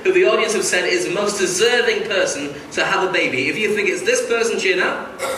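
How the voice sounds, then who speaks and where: High-pitched male stage show host, echoey theatre. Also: brisk. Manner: teasing, repeats answers and instructions. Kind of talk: live comedy stage patter, questioning volunteers. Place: large indoor theatre stage with audience. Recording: echoey noisy theatre, distant sound.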